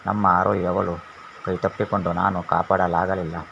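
A loving, anxious young mother, read by a man in a very deep, even voice. The lines come slowly and tenderly. The recording is dull and lo-fi with a faint hiss. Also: creaky. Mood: worried.

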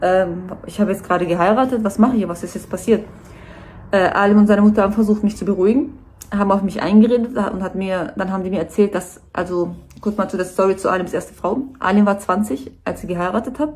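A woman's voice: mid-range voice, steady tone, fast talker, darkish tone. A nervous woman giving a personal statement to camera, earnest and hesitant.

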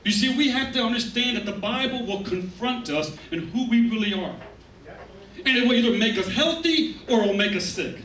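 Standing on the stage of a medium-sized church hall with a handheld mic, a middle-aged male pastor delivers an emphatic, conversational sermon with asides to his congregation. His voice is very high-pitched and a bit bright, with lively intonation and a fairly quick pace; the room echoes and the camera sits far back.

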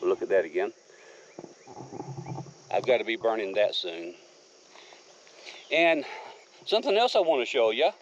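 Speaking on the low side and a little slowly, with long pauses, this homesteader is still very animated as he films a stroll around his woods. His talk is easygoing and folksy. The handheld camera audio is slightly dull, with crickets, insects, and slight background noise.

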